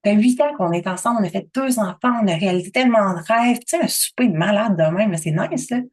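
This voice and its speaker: A woman in her thirties with a Québécois accent, giving a chatty motivational coaching talk and acting out her own thoughts in a higher voice. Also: fast, a little mellow. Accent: Québécois French. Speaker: abundance coach.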